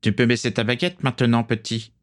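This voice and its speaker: A man's voice: medium pitch, little pitch movement, a little fast, voice pushed up, lightly acted. A man voicing a cold, commanding male vampire ship's officer who hisses his orders in a storybook reading. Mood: stern. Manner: stern, commanding, hissing.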